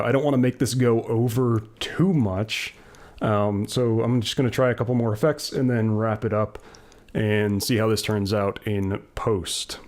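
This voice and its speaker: Man, casual gear demo vlog, rambling, lots of fillers, somewhat low voice. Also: a little mellow. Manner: rambling, with many fillers and restarts. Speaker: YouTube vlogger demoing a mixer.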